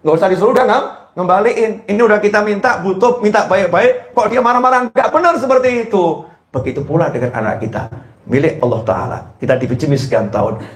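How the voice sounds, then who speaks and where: A male preacher giving a lively sermon into a handheld mic, swinging from high exclamations to low drops. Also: quick pace. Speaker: Islamic preacher.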